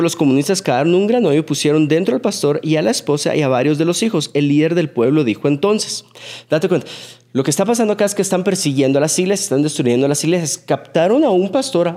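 A man, preaching a sermon in earnest storytelling that sinks to a hushed, low voice at emotional moments. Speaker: pastor.

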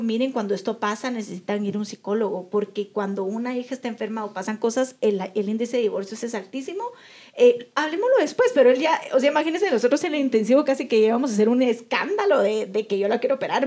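A woman's voice: fairly high pitch, lively intonation, fast talker, dark tone. A young adult woman, co-hosting a podcast in casual chat and earnestly telling a personal story while acting out what her relatives said. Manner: earnest, acts out quoted relatives. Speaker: podcast co-host.

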